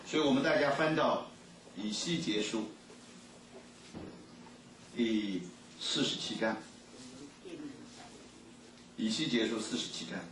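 Male preacher, sermon with scripture reading, lively storyteller, echoey room, faint room hum. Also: medium pitch. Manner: lively storytelling, many drawn-out fillers. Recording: echoey room, mic at a distance.

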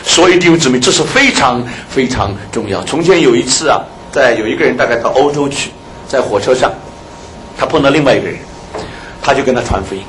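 A man's voice: mid-range voice, a little fast, slight background noise, rough recording. A man preaching a sermon, often turning to his listeners as brothers and sisters and repeating words for emphasis. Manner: animated, repeats phrases for emphasis.

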